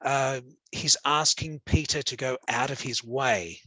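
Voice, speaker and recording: Upbeat Australian male teacher, bright voice. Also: medium pitch, measured pace, no echo. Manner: upbeat, joking, encouraging with quiz points. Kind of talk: interactive classroom teaching.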